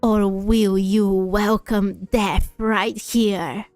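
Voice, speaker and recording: A woman voicing an unhinged, zealous villain from a video game, speaking in a grandiose, menacing, drawn-out way. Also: medium pitch, fairly even intonation, a little mellow, no room sound, faint music behind, voice pushed down. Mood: menacing, inviting. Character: unhinged zealous villain servant of a dark master. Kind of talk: video game dialogue read aloud.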